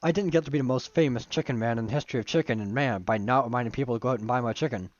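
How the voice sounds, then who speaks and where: A man reading the lines of a folksy old male chicken-restaurant colonel in a dating game, in a salesman-like, unhurried way. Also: medium pitch, dry recording, close to an everyday voice. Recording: dull dry stream audio.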